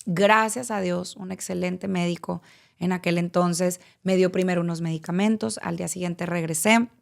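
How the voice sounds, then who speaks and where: Mexican woman, late 30s, podcast guest; candid testimony, gravelly fry, talks to the listener directly. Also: on the low side, steady tone, normal speed. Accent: Mexican Spanish. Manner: candid, addresses listener directly, casual swearing. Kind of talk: personal testimony.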